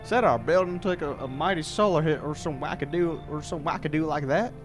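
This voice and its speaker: A man's voice: on the high side, fairly quick, music in the background, pitched above the performer's own voice, natural voice. Man doing a chatty old Southern lady. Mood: folksy, rambling. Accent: put-on Southern. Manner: rambling, stumbling over words. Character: folksy older Southern woman drifter, chatty.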